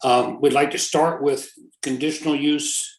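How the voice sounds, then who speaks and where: A man's voice: a little high, fairly even intonation, measured pace. A man chairing a formal public meeting, reading out procedure and oaths in a rote, official manner. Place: remote video meeting. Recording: roomy, echoing sound.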